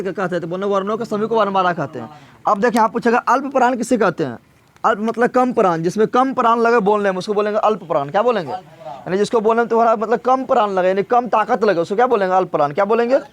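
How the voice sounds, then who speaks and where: Guy teaching class, high voice, drills sounds out loud and quizzes the kids. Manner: drills syllables aloud, quizzes students, scolds them. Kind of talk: classroom grammar lesson.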